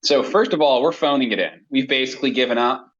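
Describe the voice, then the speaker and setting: A man calls in to co-host, his voice coming through a dull, lo-fi phone line. He keeps the banter playful and mock-serious in a mid-range pitch. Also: fast, a bit bright. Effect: talking over the phone. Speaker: podcast co-host. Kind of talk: casual comedic banter. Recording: muffled lo-fi phone audio.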